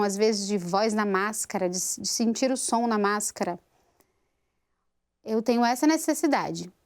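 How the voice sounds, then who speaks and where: High-voiced woman teaching singing. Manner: explains step by step with rhetorical questions. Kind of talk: vocal technique lesson.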